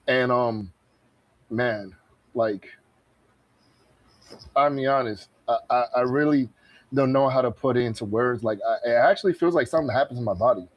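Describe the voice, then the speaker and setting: A man co-hosting a sports talk show, chatting casually and excitedly with lots of fillers. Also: medium pitch, normal speed, long pauses, highs cut off. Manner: animated, laughs often, many fillers. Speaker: podcast co-host.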